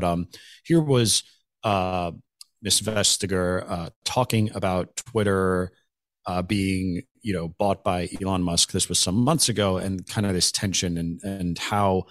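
Male host, deep voice, dry close recording, chatty with frequent asides. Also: a bit bright, no echo. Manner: conversational, frequent "right?" asides. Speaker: podcast host. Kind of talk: casual policy chat.

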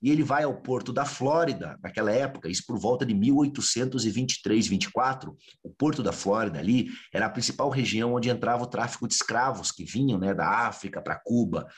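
A man's voice: mid-range voice, animated, brisk, hardly any pauses. A man, a researcher, telling a historical story in an interview, animatedly acting out the dialogue of its characters.

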